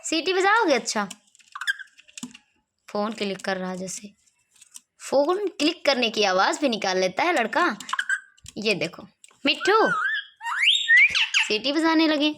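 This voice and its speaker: Woman, pet parrot owner, high and unhurried, sing-song coaxing, noisy home recording. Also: very animated. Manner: coaxing, repeats the bird's name in a sing-song call. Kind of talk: casual talk to a pet.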